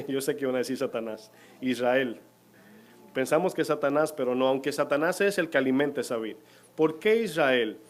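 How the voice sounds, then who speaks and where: A man's voice: mid-range voice, normal speed. A man preaching a sermon in church, putting questions to the congregation as he goes. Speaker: pastor.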